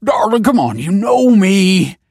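A man's voice: sits high, sing-song, measured pace, darkish tone, dry recording, studio quality, pitched above the performer's own voice, exaggerated voice. A man voicing a cheating boyfriend who whines and pleads. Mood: pleading. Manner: whining, pleading.

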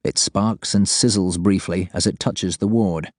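Low, mellow male audiobook narrator. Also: fairly even intonation, a little slow, dry recording, clean studio sound. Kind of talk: scripted fiction narration.

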